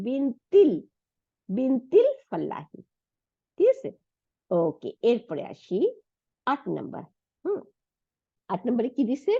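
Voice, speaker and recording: A woman teaches a grammar lesson at a patient pace, checking in with her listeners. Her voice is high and warm, with a slightly breathy edge. The sound is close and dry, slightly dull. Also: no echo. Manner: patient, asks and answers her own questions. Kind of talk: explanatory lesson.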